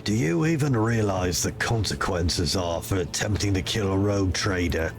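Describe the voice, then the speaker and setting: Imperious rogue trader for a game, performed by a man: low-pitched, stern, formal, passing judgement. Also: lively intonation, normal speed, soft background music. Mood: stern, condemning. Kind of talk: improvised reading of game dialogue.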